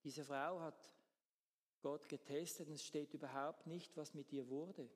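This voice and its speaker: Slow, earnest male preacher in echoey hall. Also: a little high, fairly even intonation. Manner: earnest, repeats key phrases for emphasis. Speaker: pastor. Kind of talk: sermon.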